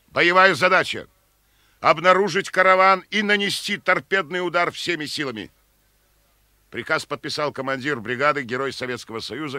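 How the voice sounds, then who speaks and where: Actor as bright-voiced, solemn Soviet naval commander. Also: male voice, medium pitch, no echo, close to an everyday voice. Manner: measured, authoritative. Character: solemn Soviet torpedo-boat division commander, resolute, fatherly. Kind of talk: Russian war drama, military address.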